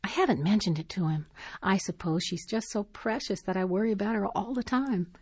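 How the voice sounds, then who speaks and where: A woman's voice: mid-range voice, brisk, a little mellow, breathy edge, dry recording, clean studio sound, close to an everyday voice. A woman reading aloud and voicing an anxious, apologetic young new mother. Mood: fretful.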